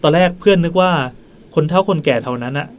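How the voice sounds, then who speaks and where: A man hosting a podcast, telling a ghost story in a quick, chatty way into a studio mic. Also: on the high side. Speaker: podcast host.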